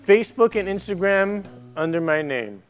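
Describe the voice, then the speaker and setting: A man's voice: high-pitched, expressive, moderate pace, faint music behind. A man hosting a casual cooking demonstration, playful and joking as he talks viewers through the dish. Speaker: cooking show host.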